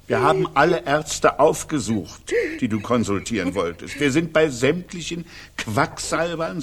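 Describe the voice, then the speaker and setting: Radio play: a sardonic, short-tempered husband, husky voice, pitch rising and falling widely. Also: male voice, fairly bright tone, full character voice. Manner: dry sarcasm turning to pleading. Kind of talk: 1990 radio play acting.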